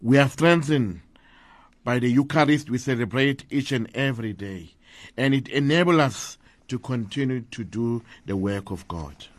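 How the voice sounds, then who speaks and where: A man's voice: medium pitch, moderate pace, no echo. A man speaking as a priest at Mass, reciting liturgical prayers in a solemn, formal way.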